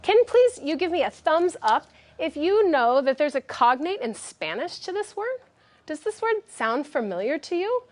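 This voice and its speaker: High-voiced woman teaching a class. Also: very animated, moderate pace. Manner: clear, directive, praising students. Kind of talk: classroom vocabulary lesson.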